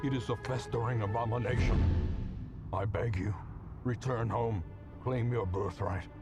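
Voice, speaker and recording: A man's voice: medium pitch, steady tone, measured pace, lightly acted. A man voicing a doomed old nobleman ancestor who narrates a gothic horror game in a grandiloquent, brooding way with archaic wording. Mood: ominous. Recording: loud music behind the voice.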